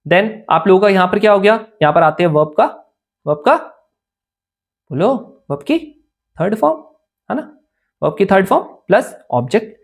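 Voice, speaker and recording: A man's voice: high-pitched, expressive, moderate pace, pauses often. A young man teaching English grammar for an exam in casual Hindi mixed with English, often checking whether students follow. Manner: chatty, asks students "clear?" often. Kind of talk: informal Hindi-English lesson.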